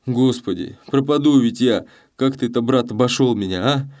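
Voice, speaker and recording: A man's voice: mid-range voice, normal speed, darkish tone, voice pushed up, close to an everyday voice. Man doing a terrified pleading peasant lad. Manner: whining, begging, sobbing pleas.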